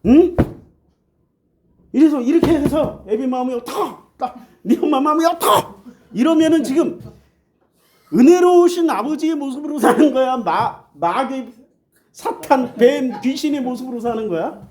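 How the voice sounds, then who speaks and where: A woman's voice: sits high, normal speed, darkish tone. A woman pastor preaching a sermon in blunt, earthy speech, asking rhetorical questions and answering them herself. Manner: blunt, colloquial and earthy wording.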